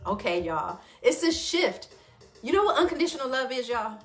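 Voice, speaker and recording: A woman hosting a morning wellness talk, chatty and expressive, calling her listeners y'all and leading a guided breathing exercise. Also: high voice, normal speed, roomy sound, soft background music. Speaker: host of a morning wellness show.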